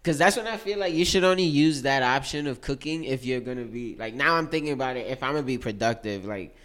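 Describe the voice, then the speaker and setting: A man with a smooth, resonant voice talks in an easygoing way and laughs easily in casual chat. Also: medium pitch, fast talker, a bit bright.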